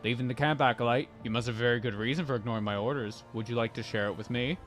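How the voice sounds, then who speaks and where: A man's voice: mid-range voice, fairly even intonation, very fast, fairly bright tone, close to an everyday voice. A stern Inquisitor from a game, read aloud by a man, speaks in a cold, accusing way. The manner is imperious, a superior rebuking a subordinate, with music behind. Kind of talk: reading game dialogue aloud.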